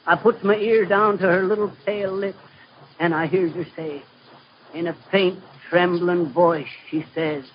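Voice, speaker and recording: A man's voice: high-pitched, fairly even intonation, a little slow, highs cut off. An actor playing a boastful middle-aged man who rambles through tall tales in a folksy way, with slips of the tongue, in 1930s radio comedy style. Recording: scratchy noisy 1930s radio broadcast.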